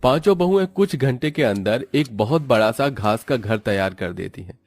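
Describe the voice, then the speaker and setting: A man narrating a cartoon story in a steady, explanatory storytelling manner. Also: mid-range voice, moderate pace, dry recording.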